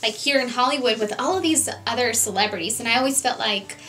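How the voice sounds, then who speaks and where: A young woman in her twenties talks to her viewers in a bright, slightly high voice, chatty and earnest, sprinkling in fillers as she goes. Soft music plays faintly underneath. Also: fast talker. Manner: chatty, earnest, many fillers like "like" and "you know". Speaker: beauty vlogger. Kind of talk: casual vlog chat. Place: home, Southern California.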